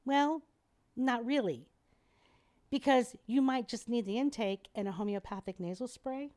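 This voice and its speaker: As a guest on a podcast, a middle-aged airway specialist explains and demonstrates with a lively, teacherly touch. She speaks in a slightly high voice at a measured pace.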